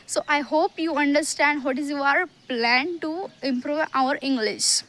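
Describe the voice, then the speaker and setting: A woman with an Indian accent from Maharashtra, talking to camera in halting learner English with many hesitations and restarts. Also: sits high, fairly bright tone. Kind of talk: casual talk to camera.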